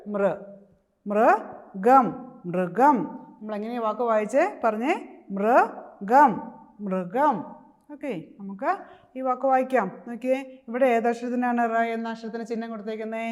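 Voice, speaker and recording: A woman with a Malayali accent teaching a kindergarten reading lesson, sounding out syllables slowly and coaxing the children to repeat after her. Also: a little high. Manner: slow, coaxing call-and-response with drawn-out syllables.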